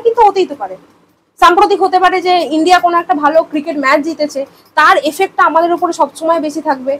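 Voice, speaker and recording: A woman's voice: extremely high pitch, fairly bright tone, a little hiss or hum, poor audio. A young woman in her twenties giving an exam-prep lecture, explaining with everyday examples and rhetorical questions and mixing in English terms. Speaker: teacher.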